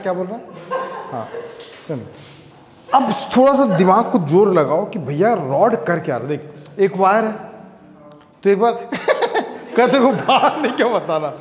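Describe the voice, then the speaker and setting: Playful teacher in an echoey classroom. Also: male voice, sits high, sing-song, moderate pace, pauses often, crowd noise. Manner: joking, scolding students playfully. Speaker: physics teacher. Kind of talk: classroom lecture with banter.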